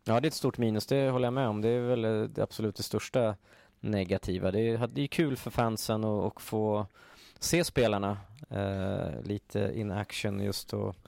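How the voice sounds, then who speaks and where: A man co-hosting a casual podcast, telling stories in a chatty, animated way. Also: on the low side, gravelly, dry recording. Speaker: podcast co-host. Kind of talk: casual chat.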